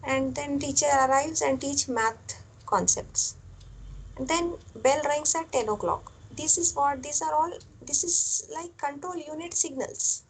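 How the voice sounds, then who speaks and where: A woman lecturer, explaining a technical topic step by step, often repeating phrases and pausing on fillers. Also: high voice, slight background noise, rough recording. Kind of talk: classroom lecture.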